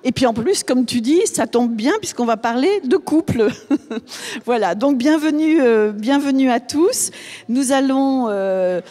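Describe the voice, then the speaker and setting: A woman's voice: high voice, expressive, unhurried, mellow. A woman hosting a book festival panel, introducing guests with many hesitations and fillers. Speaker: host. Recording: long hall reverb.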